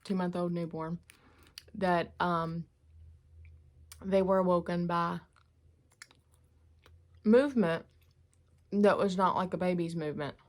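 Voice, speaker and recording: Slow and pausing often, a middle-aged woman speaks in a fairly low, fairly even voice during a casual mukbang. Between noisy bites, often with her mouth full, she comments on a news story to the camera.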